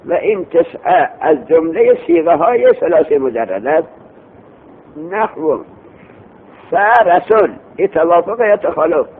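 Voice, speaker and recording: Lively male teacher on a tinny recording. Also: gravelly. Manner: lively, repeats terms, asks students questions. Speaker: teacher of Arabic morphology. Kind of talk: classroom lesson, explaining and quizzing. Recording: tinny phone-like recording with faint rumble.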